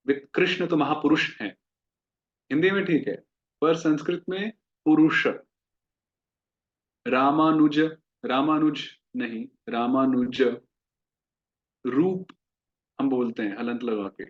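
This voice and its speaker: Slow, patient male Sanskrit teacher. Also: a little high. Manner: slow, drawn-out demonstration of each word; explains patiently with questions to listeners. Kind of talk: classroom lesson. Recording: dull lo-fi recording.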